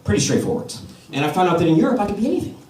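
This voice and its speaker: On a comedy club stage, an American comic works an open mic, spinning relaxed stories and engaging the crowd. His voice is high-pitched and a bit mellow, racing along with great animation, with faint music behind him. The audience laughs throughout, captured from a distance in roomy club acoustics.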